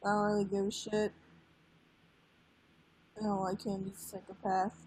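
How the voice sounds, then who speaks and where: A woman's voice: mid-range voice, monotone, normal speed, darkish tone, a little hiss or hum, poor audio. An eighteen-year-old woman chatting casually on a livestream, laid-back and swearing offhandedly. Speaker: livestream guest. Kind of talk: casual chat.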